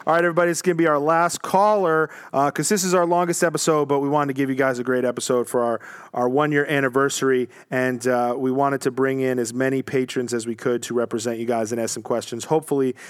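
A man's voice: mid-range voice, little pitch movement, fast, clean tone, dry recording, studio quality. A man co-hosting a podcast, chatting casually and joking with callers in long run-on sentences. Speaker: podcast co-host.

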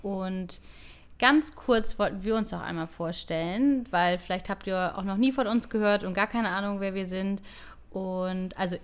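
A woman in her thirties from Germany, co-hosting a casual podcast chat in a lively, earnest way. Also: medium pitch, moderate pace, smooth. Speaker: podcast co-host.

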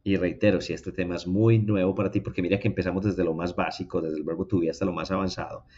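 A man's voice: sits low, little pitch movement, quick pace, a little mellow, husky, lo-fi sound. A man giving an online English lesson, explaining step by step and checking in with his students. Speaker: English teacher.

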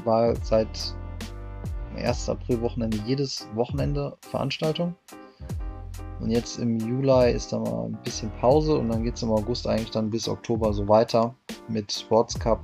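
A racing driver in his thirties answers interview questions casually over a call from a hotel room, hesitating with many fillers and restarts. His mid-range voice is a little mellow, with some vocal fry.

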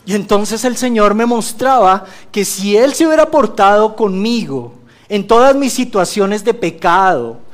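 A man with a high voice shares a church testimony. He tells his story in an animated, humorous way before turning to preaching. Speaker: guest speaker giving a testimony.

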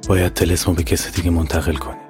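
A man's voice: sits low, music in the background, lightly acted. A man voicing an ominous old woman who keeps cats and gives warnings in a spooky audio story.

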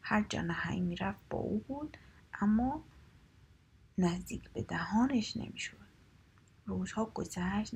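Soft-spoken woman telling a children's tale. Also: fairly low pitch, gravelly, a little hiss or hum. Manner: soft, half-whispered storytelling voice. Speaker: storyteller. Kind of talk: children's story narration.

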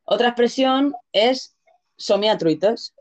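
A woman's voice: fairly high pitch, expressive, takes it slowly, darkish tone. A woman, casually explaining local expressions and laughing often. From Mallorca. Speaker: teacher of Mallorcan expressions. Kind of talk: casual chat.

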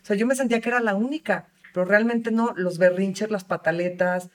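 A woman hosts the conversation as a mother, mixing her own parenting struggles into her questions. Her voice is medium in pitch and sits a little back from the microphone. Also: brisk, recorded from a distance. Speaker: interview host and mother. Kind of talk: conversational interview.

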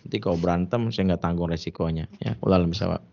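A man's voice: deep voice, fairly even intonation, fast, vocal fry. A man preaching a humorous sermon, emphatic and joking as he tells stories and gives advice, on a dull lo-fi recording.

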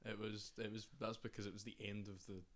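A man's voice: fairly low pitch, flat delivery, fast talker. A young Scottish man chatting casually as a returning podcast co-host, with easygoing, joking banter. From Scotland.

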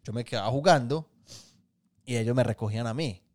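A man with a Colombian Paisa accent, a podcast co-host telling childhood stories in casual chat, animated and full of slang and swearing. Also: medium pitch, brisk. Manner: animated, slangy storyteller who swears freely.

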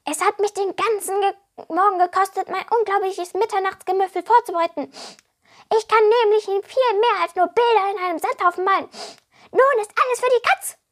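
A woman's voice: extremely high pitch, fairly quick, voice pushed up. A woman voicing a small, grumpy and boastful male water goblin who curses and brags indignantly. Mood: grumbling. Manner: indignant, cursing, bragging.

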